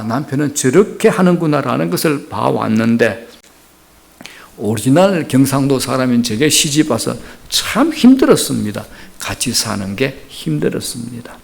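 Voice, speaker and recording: A middle-aged pastor from the region, preaching earnestly and speaking straight to the congregation. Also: male voice, medium pitch, vocal fry. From Gyeongsang region, Korea. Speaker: senior pastor. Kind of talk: sermon.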